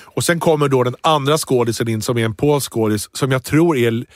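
A man co-hosting a casual talk show, telling an anecdote in an animated way. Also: mid-range voice, dry recording, clean studio sound. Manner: animated storyteller, acts out scenes. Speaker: podcast co-host. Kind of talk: casual chat, storytelling.

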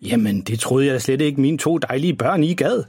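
A man's voice: mid-range voice, expressive, darkish tone, slightly rough, dry recording, studio quality, soft background music. A man playing an embarrassing, boastful father who rambles through tall tales in a children's story. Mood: cheery. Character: boastful, embarrassing dad, tall-tale teller.

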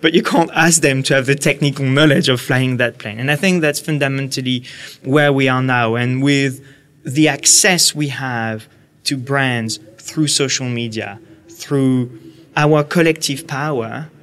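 A man's voice: mid-range voice, measured pace, fairly bright tone. Earnest man with a French accent. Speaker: guest. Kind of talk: podcast interview.

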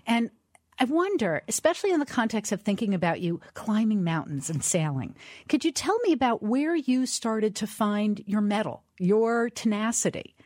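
A woman's voice: medium pitch, big pitch swings, moderate pace, darkish tone, no echo, clean studio sound. Attentive woman podcast host. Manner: attentive, encouraging questions. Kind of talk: interview hosting.

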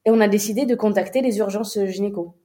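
A woman's voice: mid-range voice, fast talker, warm tone. A young woman recounting a personal story in an interview, hesitant, with many fillers and restarts. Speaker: guest.

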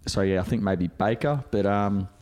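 A man's voice: on the low side, normal speed, a little mellow. An Australian man co-hosting a sports podcast, talking through players in a casual, conversational way.

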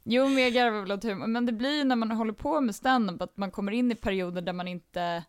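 A woman comedian chatting casually as a podcast guest, animated, with frequent laughs and fillers. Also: on the high side, dry recording.

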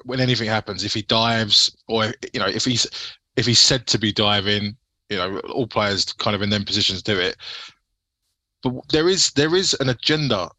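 A man's voice: medium pitch, bright, forceful tone, no room sound, rough recording. A British man in casual, sweary football chat, putting points and questions to fellow fans. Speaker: football fan podcast panellist putting questions.

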